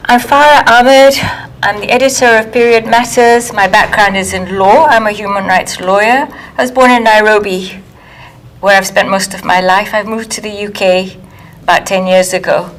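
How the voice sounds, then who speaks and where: A woman from Kenya, an author and editor speaking in a measured, careful way during a recorded interview with retakes. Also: medium pitch, fairly even intonation, a little hiss or hum. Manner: measured, careful, restarts lines.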